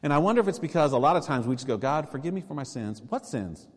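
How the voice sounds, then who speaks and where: A man's voice: a little high, animated, fast, husky. A man preaching a sermon as pastor, earnest and conversational, pressing points with emphatic exhortations. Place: church sanctuary. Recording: long reverb of a church sanctuary.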